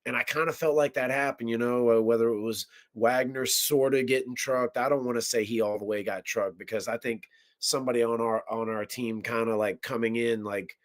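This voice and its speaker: A man's voice: mid-range voice, steady tone, a little fast, hardly any pauses. A man co-hosting a sports podcast, talking through a game in a thoughtful, rambling way with frequent restarts. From Washington DC area. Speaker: podcast co-host. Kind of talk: casual sports chat.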